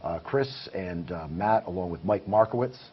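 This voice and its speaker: This male guest investigates the paranormal and, in a relaxed interview, earnestly recounts what he has found in detail. He speaks in a low-pitched, animated voice at a moderate pace, heard through muffled audio with faint hiss.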